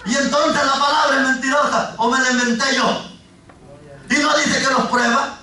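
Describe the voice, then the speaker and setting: A man preaching a fervent sermon as pastor, often rising to a shout. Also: very high-pitched, fairly even intonation, normal speed. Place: church. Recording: echoey church hall, from far off.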